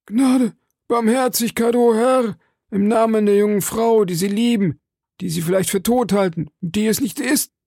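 A man's voice: high-pitched, moderate pace, vocal fry, darkish tone, breathy edge, no room sound, studio quality, voice pushed up, heavily acted. A man voicing a wounded, frightened soldier and hired assassin who pleads and stammers, weak from blood loss. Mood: pleading. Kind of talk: audiobook character reading.

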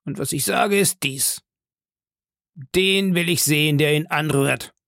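A man's voice: a little high, unhurried, vocal fry, fairly bright tone, no room sound, studio quality, voice pushed up. A man reading an audiobook, voicing an old one-legged male pirate captain who bellows threats with swagger. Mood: commanding.

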